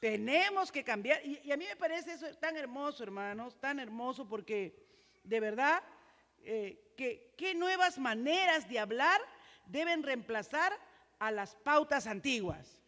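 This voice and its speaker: A woman pastor with a Peruvian Spanish accent preaching a sermon in a high, strong voice, earnestly asking the congregation questions. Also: lively intonation, measured pace, a bit bright. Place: church. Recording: reverberant church hall.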